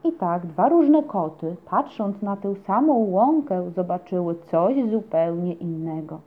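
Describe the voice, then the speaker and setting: A woman narrating a children's story with a gentle, expressive reading. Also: fairly low pitch, a little slow. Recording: dull lo-fi recording.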